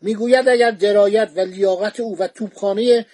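A man's voice: high voice, steady tone, a little mellow, no echo. A man hosting a history podcast, telling the story in a conversational, digressive way with frequent fillers.

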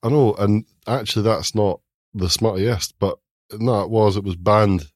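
A man co-hosting a podcast, delivering dry deadpan jokes with hesitant ums. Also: lowish voice, moderate pace, dry recording. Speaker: podcast co-host. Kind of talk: casual chat.

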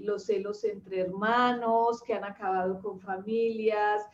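A woman in her fifties talking in an unhurried, reflective way, often pausing with hesitations, as she shares personal thoughts. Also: mid-range voice, darkish tone, reverberant, highs cut off. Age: 50s. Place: rural home with animals nearby.

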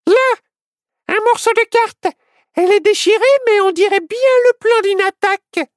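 A man voicing an excitable female deputy sheriff in a storybook reading, with a shrill, exclaiming delivery. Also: moderate pace, no echo, studio quality. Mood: excited.

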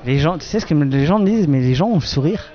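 A man hosting a roving interview at an outdoor wine festival, teasing and joking with guests, halting with many fillers. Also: fairly high pitch, expressive, some chatter behind. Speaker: festival podcast host. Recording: muffled lo-fi recording.

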